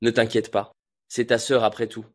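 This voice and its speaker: A man's voice: mid-range voice, little pitch movement, normal speed, close to an everyday voice. An actor dubbing a smug, two-faced young businessman in a drama, sounding self-assured and soothing. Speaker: dub actor. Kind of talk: dubbed drama.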